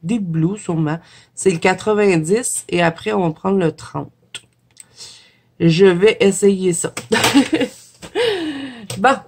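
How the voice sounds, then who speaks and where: A woman's voice: lowish voice, slow, pauses often, slight background noise. Stuffed-up Québécoise woman chatting while painting. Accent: Quebec French. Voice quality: chatty, laughs often, self-deprecating. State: congested with a head cold. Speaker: watercolor coloring vlogger. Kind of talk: casual chat while painting.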